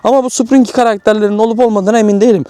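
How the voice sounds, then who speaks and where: A young man talking viewers through drone footage, jumpy and excitable, swinging from hushed tones to high excited bursts. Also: very fast, smooth, no echo. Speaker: YouTuber flying a drone.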